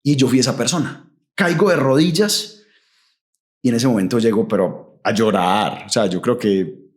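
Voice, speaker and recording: A man's voice: mid-range voice, normal speed. A young adult man with a Colombian Paisa accent, telling his story as a podcast guest, vivid and full of local slang. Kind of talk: animated testimony.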